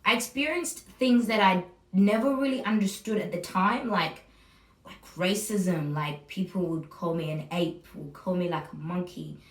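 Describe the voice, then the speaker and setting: A young woman in her twenties with a fairly low voice tells her own story. She speaks reflectively, with pauses, fillers and restarts. She is recorded a little way off from the mic in a roomy, echoey space. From Burundi. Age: 20s. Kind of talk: personal testimonial talk. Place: room where she records her video. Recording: roomy, slightly distant mic.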